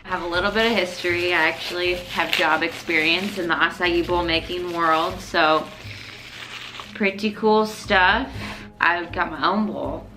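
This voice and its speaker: A woman's voice: lowish voice, fairly even intonation, measured pace, music in the background. A young woman chatting casually to the camera in an upbeat vlog, with self-mocking asides. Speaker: vlogger. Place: car on a road trip, then home.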